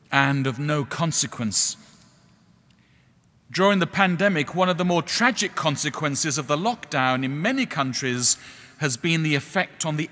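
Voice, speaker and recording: A middle-aged man preaching a sermon in a measured, earnest way, pausing slowly on key words. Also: a little high, a bit bright. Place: church. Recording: echoey church hall.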